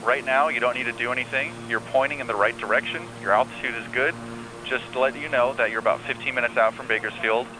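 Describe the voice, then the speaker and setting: A man working as an air traffic controller on the radio, calmly giving reassuring step-by-step instructions. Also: mid-range voice, fast. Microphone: radio transmission. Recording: air traffic radio with faint hum and noise.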